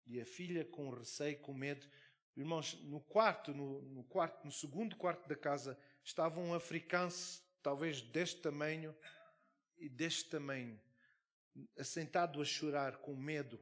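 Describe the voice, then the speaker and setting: A man preaching a sermon. He tells a story fervently, with big swings in loudness. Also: on the high side, moderate pace. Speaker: pastor.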